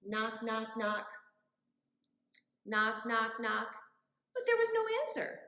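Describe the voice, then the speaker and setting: A woman with a highish, sharp, sing-song voice speaks slowly as a librarian hosting children's storytime. She leads rhymes and stories encouragingly, addressing the children directly, in a roomy, echoing indoor space.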